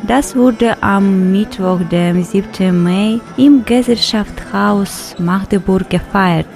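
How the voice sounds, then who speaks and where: A woman from Ukraine, a journalist narrating a news report in a calm, measured way. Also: medium pitch, gravelly.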